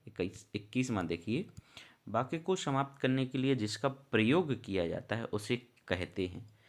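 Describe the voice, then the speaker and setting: A man teaching an online exam prep lesson, reading out questions and explaining answers in a casual, chatty way. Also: on the low side. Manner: reads questions aloud, then explains answers and addresses viewers directly; casual, chatty, calls viewers brother and friend.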